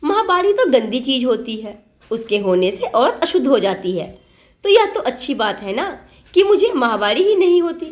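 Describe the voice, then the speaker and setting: A woman voicing a young, outspoken daughter-in-law who questions and argues calmly in a storybook tale. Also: sits high, normal speed. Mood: reasoning. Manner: calm, arguing, questioning.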